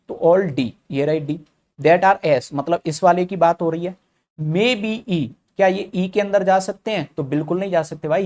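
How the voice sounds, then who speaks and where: A man's voice: on the high side, a little mellow. Man teaching a lesson in Hindi. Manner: explains step by step, addresses viewers as brother; reads English statements very slowly and drawn out. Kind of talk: whiteboard lesson.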